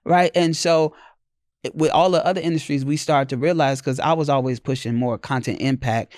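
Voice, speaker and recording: A man's voice: a little high, normal speed, a little mellow, dry recording, clean studio sound. A man hosting a podcast interview, talking in a casual, slangy, emphatic way and often acting out what other people say. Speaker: podcast host.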